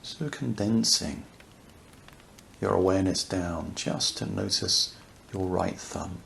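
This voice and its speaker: Over the soft crackle of a fireplace, a low-voiced man with a gravelly creak guides a yoga nidra meditation for deep relaxation. His delivery is gentle, slow and soothing, with short phrases separated by long silences.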